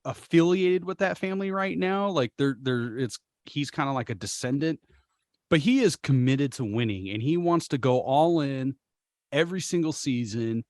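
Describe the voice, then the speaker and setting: A man's voice: medium pitch, moderate pace, a little mellow, no room sound, studio quality. A man co-hosting a casual sports podcast, talking in long impassioned rants and swearing freely. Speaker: podcast co-host.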